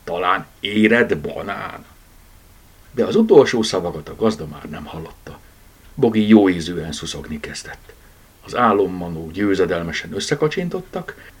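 A man reading a bedtime story aloud in a soft, gentle storytelling manner. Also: low voice, slightly rough.

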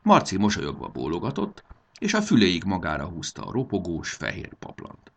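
Casting: male storybook narrator, lowish, gravelly, very lively delivery. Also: slight background noise.

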